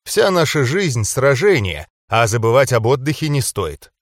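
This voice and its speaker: A man narrating an audiobook in a steady storytelling reading. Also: mid-range voice, normal speed, dry recording, clean studio sound. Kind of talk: scripted narration.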